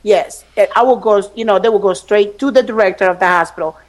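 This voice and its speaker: A woman's voice: mid-range voice, quick pace. A woman on an internet radio panel, talking bluntly and emphatically, with casual swearing.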